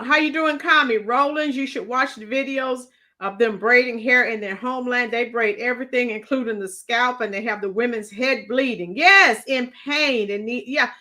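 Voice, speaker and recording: Talking straight to her viewers on a relaxed live reaction stream, a woman responds to news and comments with emphatic exclamations. Her voice is a little high, bright, and forceful.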